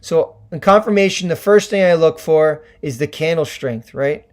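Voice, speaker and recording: A slightly high-voiced young man, a bit hoarse after a weekend of shouting, talks through stock charts for his livestream viewers. His delivery is chatty and loose, full of ums, uhs and restarts as he explains. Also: moderate pace. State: hoarse from screaming at games. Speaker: livestream trading host. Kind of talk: casual Q&A livestream, answering chat.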